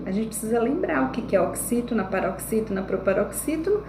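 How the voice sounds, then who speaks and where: A young woman teacher giving a recorded online lesson to children, explaining slowly and checking in with frequent tag questions. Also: fairly high pitch, lively intonation, vocal fry, darkish tone. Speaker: primary school teacher. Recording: echoey room with faint background noise.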